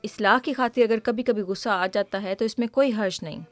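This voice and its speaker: In a teacherly tone, a gentle woman host explains things to a child at an average pitch. She stays patient throughout and checks the child's understanding with questions.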